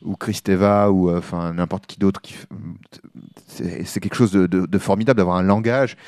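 Low-voiced Frenchman in halting casual discussion. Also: steady tone, darkish tone, no room sound, studio quality. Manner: halting, rephrases as he argues. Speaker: podcast co-host discussing a role-playing game.

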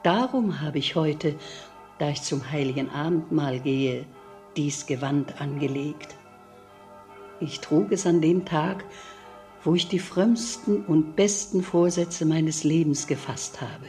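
A devout older mother speaks with a low-set, steady voice, gently admonishing her family. It is a classic radio play with faint music in the background. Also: slow pace. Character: pious ailing mother, older woman.

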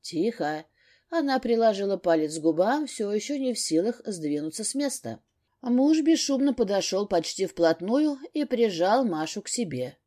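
A woman narrating a novel in a steady storytelling manner. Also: mid-range voice, normal speed. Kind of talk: audiobook narration.

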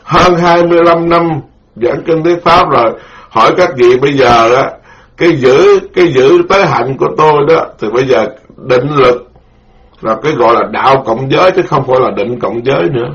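A middle-aged Buddhist monk delivers a dharma lecture. He speaks at a measured, deliberate pace, repeating his key terms so the assembly can follow. His voice sits at an ordinary male pitch, and the recording is dull and lo-fi. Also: a bit bright.

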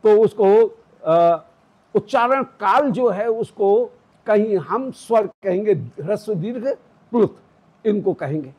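Brief: male spiritual teacher, measured explanatory delivery, breathy tone. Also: high voice, animated, darkish tone, poor audio. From South India roots. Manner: explanatory, demonstrates Vedic pronunciation. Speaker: religious teacher. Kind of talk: devotional scripture discourse.

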